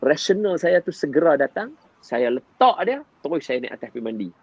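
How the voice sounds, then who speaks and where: A man, telling a story in an animated way and often turning to address his listener directly. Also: fairly high pitch, a little fast, slightly rough, no echo, dull audio. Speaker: guest father sharing parenting experience. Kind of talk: storytelling in conversation.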